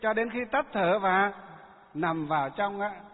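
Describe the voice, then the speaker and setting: A man's voice: high voice, a little slow. A man giving a Buddhist sermon as a monk. He often asks his listeners rhetorical questions and then answers them himself. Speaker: Buddhist monk teaching lay followers. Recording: echoey hall over a tinny phone-like line.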